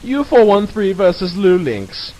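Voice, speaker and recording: A man's voice: sits high, sing-song, a little slow, a little mellow. A man giving a mock-dramatic reading of a satirical article in a theatrical, mocking manner, as narrator. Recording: hissy, noisy home recording.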